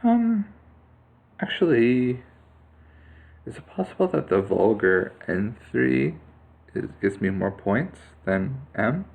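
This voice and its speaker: A man's voice: medium pitch, very animated, slow, creaky, long pauses, phone-quality sound. A man casually commenting live on his own Go game, thinking aloud with many fillers and restarts. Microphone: computer mic on a screen capture.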